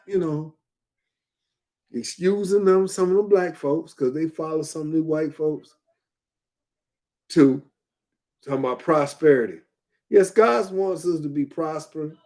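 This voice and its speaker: A man with a slightly high, warm voice gives casual spoken commentary. He's emphatic and colloquial, repeats points for effect, drops verbs and uses double negatives.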